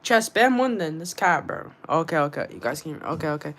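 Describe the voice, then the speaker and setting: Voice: mid-range voice, sing-song, quick pace, fairly bright tone. A young streamer chatting casually to viewers in slangy bro-talk, repeating short phrases over and over. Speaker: live streamer. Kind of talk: casual livestream chat with viewers about game trading.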